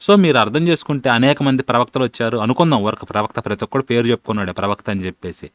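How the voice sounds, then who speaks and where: A man's voice: medium pitch, rapid-fire, no echo, clean studio sound. A man hosting a commentary channel, arguing his point in with plenty of rhetorical questions. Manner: argumentative, asks rhetorical questions, colloquial. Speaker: channel host. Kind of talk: critical commentary on religion.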